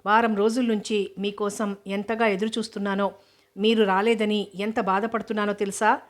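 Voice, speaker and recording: A woman voicing a hurt, indignant young woman who speaks reproachfully and a little louder than her narration. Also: medium pitch, level tone, moderate pace, close to an everyday voice.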